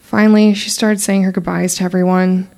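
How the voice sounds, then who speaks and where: A young woman playing a podcaster who recounts her murdered cousin's case, in measured, solemn, scripted true crime narration. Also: on the low side, little pitch movement, gravelly, darkish tone. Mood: regretful.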